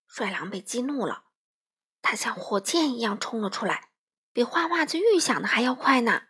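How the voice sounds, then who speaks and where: A woman's voice: fairly high pitch, moderate pace, breathy edge. A woman narrating a children's storybook expressively. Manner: expressive, animated.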